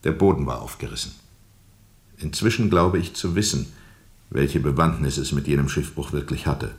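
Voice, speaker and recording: An actor playing a brooding steamboat captain in a radio play, telling his story in a reflective, deliberate, formal and disillusioned way. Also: very deep voice. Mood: uncertain, evasive. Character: brooding steamboat captain Marlow recounting a colonial river journey. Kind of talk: radio play narration, literary monologue.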